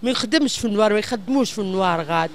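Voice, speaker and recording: A woman's voice: mid-range voice, lively intonation, rapid-fire. An older woman with a Tunisian accent, pleading and complaining in an agitated, insistent way in a street interview, repeating her phrases. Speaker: member of the public interviewed in the street. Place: outdoors on a city pavement. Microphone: handheld reporter microphone held close.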